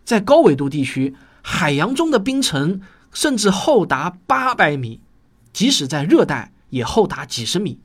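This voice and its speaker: A man's voice: sits high, sing-song, normal speed, slightly rough. A man narrating popular science in a nature documentary style, explaining things like a storyteller from a script. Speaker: host of a popular science audio series.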